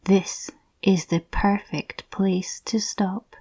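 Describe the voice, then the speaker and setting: A woman softly narrates a scripted guided visualization, her voice soothing, breathy, and nearly a whisper. She speaks slowly in a mid-range pitch with fairly even intonation.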